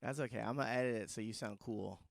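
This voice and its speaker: A man hosting a podcast in a basement studio, trading sardonic, deadpan jokes in casual banter. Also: medium pitch, fast, gravelly, no echo. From Minnesota, USA. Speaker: podcast host.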